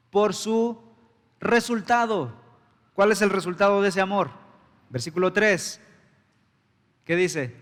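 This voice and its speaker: Pastor guy preaching hard, lots of questions to the crowd, kinda high voice. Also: fairly bright tone, in a large hall. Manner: emphatic preaching with rhetorical questions. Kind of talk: sermon. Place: church sanctuary.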